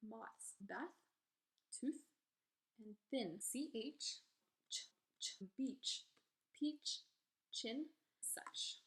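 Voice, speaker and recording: Very slow-paced woman teaching phonics. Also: a little high. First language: French. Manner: reads word lists slowly, mixes French explanations.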